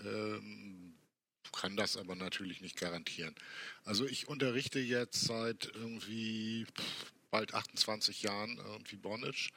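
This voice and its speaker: Older man, interview guest, very slow, bright forceful tone, halting, conversational. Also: on the low side, no room sound. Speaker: podcast guest, workshop teacher. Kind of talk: casual interview chat.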